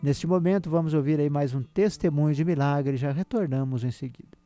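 A man from Brazil hosting a religious radio program, addressing listeners with a warm pastoral manner. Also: on the high side, fairly quick. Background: soft guitar music.

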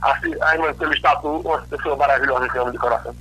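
Over a crackly cordless phone line, a Northeast Brazilian man calls in to a radio program and runs through greetings to his friends. He talks in rapid-fire bursts, his medium-pitched voice fairly even in intonation, sharp in tone, and edged with breath.

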